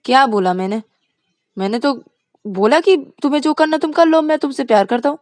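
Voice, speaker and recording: A furious young man yelling his protests, as a woman narrator puts him on. The voice sits high and strains loud, indignant and hot-tempered, in a dry close recording. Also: fairly quick, dry recording, lightly acted. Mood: angry shouting. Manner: shouting, indignant, high-pitched.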